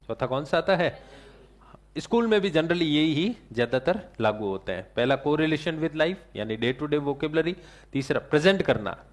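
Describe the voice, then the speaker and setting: A male teacher giving a classroom lecture, asking the class questions and answering them himself, with English terms mixed into his talk. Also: mid-range voice.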